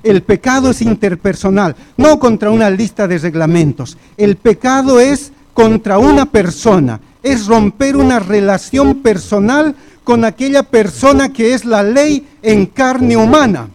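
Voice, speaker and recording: Male preacher, Argentine Spanish accent, high-pitched, slow and deliberate sermon delivery. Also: expressive, darkish tone. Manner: slow, deliberate preaching, often addressing the congregation as brothers. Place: church.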